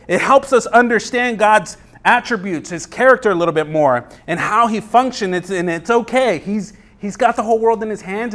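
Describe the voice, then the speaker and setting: High voiced guy preaching a sermon, chatty, keeps asking the crowd questions. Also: a bit bright. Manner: conversational preaching with rhetorical questions and acted-out quotes. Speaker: pastor.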